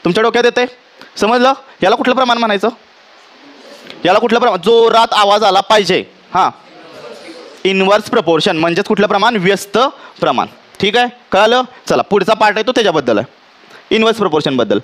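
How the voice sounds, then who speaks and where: A man with a Marathi accent delivers an animated physics lecture to a classroom, his voice high and a bit bright. He checks often whether students understand and dictates definitions slowly.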